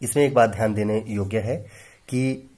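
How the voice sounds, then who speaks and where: A man teaching a grammar lesson, slowly reciting verb endings in drills and explaining each form step by step. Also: fairly low pitch, fairly even intonation, a little mellow. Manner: slow, deliberate recitation of verb forms; explains step by step and points to the board. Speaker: Sanskrit teacher.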